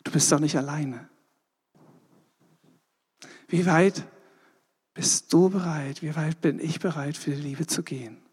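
A man preaching a sermon and closing in prayer, earnest and emphatic, with a husky voice. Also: fairly high pitch, fairly even intonation, unhurried, long pauses, a little mellow. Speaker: pastor. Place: church hall. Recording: long reverb in a church hall.

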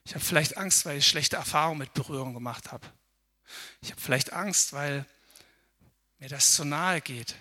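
Bright-voiced conversational male preacher. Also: a little high, normal speed, pauses often. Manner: conversational, frequent tag "ne?", acts out inner voices. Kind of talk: sermon. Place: church service.

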